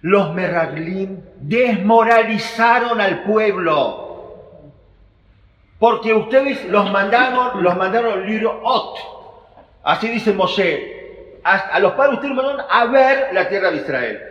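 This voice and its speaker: A man's voice: sits high, expressive, takes it slowly, a bit bright, lo-fi sound. A man with an Argentine Spanish accent giving a Torah class, talking animatedly and conversationally, dropping Hebrew terms and stretching words for emphasis. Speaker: rabbi teaching Torah. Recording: echoey hall with faint ambience.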